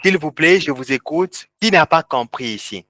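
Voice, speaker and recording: A man teaching a live online tech class over a computer mic. His voice sits slightly high, and the sound is dry with no room around it. He moves step by step, repeating words as he points things out on screen. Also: animated, normal speed, bright, forceful tone, dry recording. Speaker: instructor.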